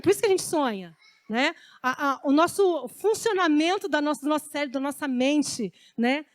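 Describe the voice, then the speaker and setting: Animated Brazilian woman preaching. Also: high-pitched, no echo. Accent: Brazilian Portuguese. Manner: conversational, animated storytelling preaching. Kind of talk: sermon.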